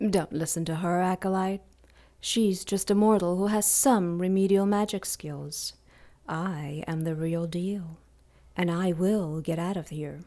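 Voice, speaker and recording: A woman's voice: fairly low pitch, steady tone, unhurried, warm tone. An actress playing Lilith, an ancient female demon who is grandiose, menacing and contemptuous, in an audio drama.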